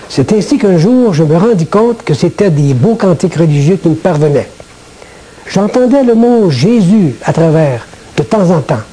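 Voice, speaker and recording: Older quebec guy, ex priest, slow earnest testimony, kinda husky. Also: sits high, dark tone, poor audio. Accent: Québécois French. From Quebec, Canada. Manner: measured, earnest, deliberate. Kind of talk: scripted personal testimony to camera. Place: small TV studio set.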